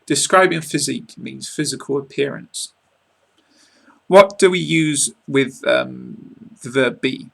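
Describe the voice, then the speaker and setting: With a webcam at close range in a small room, a young man from England, in his twenties, runs an online lesson. His English accent, mid-range and slightly bright voice, and clear, measured manner are broken up by casual asides.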